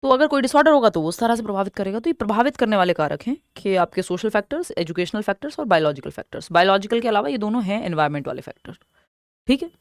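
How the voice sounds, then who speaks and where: Speaking at medium pitch with lively intonation, a young woman with an Indian accent runs an exam-prep lesson; the sound is clean studio audio without echo. She breaks things down step by step, lingers slowly over repeated key terms, and answers her own questions.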